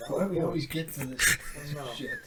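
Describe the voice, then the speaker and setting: A man's voice: a little high, wildly swooping pitch, moderate pace, bright, forceful tone. A man teasing and mocking his friends in crude casual podcast banter.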